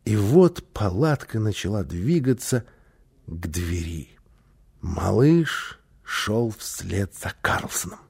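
A man's voice: lowish voice, sing-song, slow pace, gravelly, darkish tone, husky. A man reading a children's story aloud, dramatic, sometimes dropping to a near whisper for suspense. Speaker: audiobook narrator. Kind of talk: expressive storybook narration.

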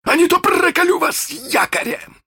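A man voicing a menacing, snarling pirate captain in an audiobook, barking drawn-out threats. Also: high-pitched, wildly swooping pitch, pushed and bright, slightly rough, pitched above the performer's own voice, heavily acted. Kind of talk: audiobook character voice.

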